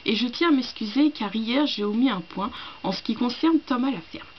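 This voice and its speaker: A woman's voice: on the high side, animated, moderate pace, dull audio, slight background noise. A woman talking casually to her viewers about a book, hesitant and full of fillers as she restarts her sentences. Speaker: book vlogger. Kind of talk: casual chat to camera.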